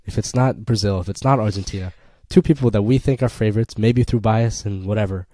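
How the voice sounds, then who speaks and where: A man's voice: fairly low pitch, fairly quick, mellow, no room sound. A young man co-hosting a casual football podcast, opinionated and sarcastic as he argues his picks. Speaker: podcast co-host.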